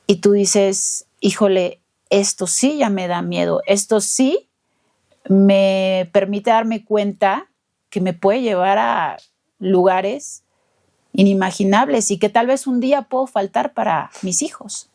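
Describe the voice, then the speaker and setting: A woman leads an interview at an unhurried pace. She speaks in a measured, deliberate way, in the middle of the pitch range. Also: warm tone. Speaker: interviewer, lawyer. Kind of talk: empathetic interview commentary.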